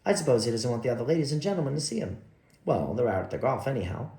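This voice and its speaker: A chatty young parlour maid, light and careless in her talk, as a man reads her in an audiobook. The voice is lifted a bit higher, gravelly underneath. It sounds like an echoey room. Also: animated, racing, warm tone, lightly acted.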